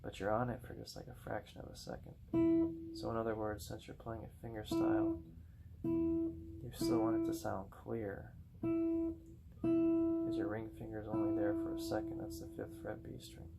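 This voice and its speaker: Low gravelly man teaching blues guitar. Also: wildly swooping pitch, moderate pace, long pauses. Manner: rambling, repeats words, self-correcting. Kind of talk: casual guitar lesson. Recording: guitar music behind voice. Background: acoustic guitar playing.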